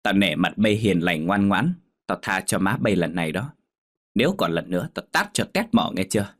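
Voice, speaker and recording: A man reading a story, voicing a big angry woman fish seller, loud and scolding. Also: deep voice, lively intonation, a little fast. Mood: grudging.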